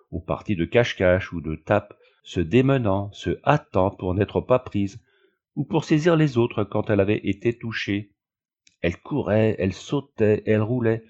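A man reading a classic tale aloud as an audiobook narrator, measured and expressive, on a dull lo-fi recording. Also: fairly low pitch.

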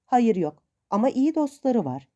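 A woman's voice: on the high side, sing-song, measured pace, mellow, voice pushed up. A woman voicing a proud, stubborn young woman who speaks earnestly and defiantly in a storybook reading.

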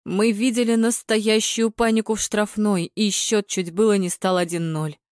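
A woman voicing a male football commentator giving measured play-by-play. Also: mid-range voice, fairly even intonation, darkish tone, no echo, studio quality, lightly acted. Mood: reporting.

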